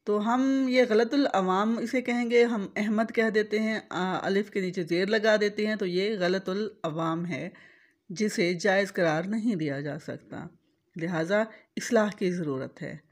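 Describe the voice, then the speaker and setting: A woman's voice: mid-range voice, unhurried. A woman teaching correct pronunciation, spelling out vowel marks letter by letter and repeating each word. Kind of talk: slow, deliberate instructional explanation.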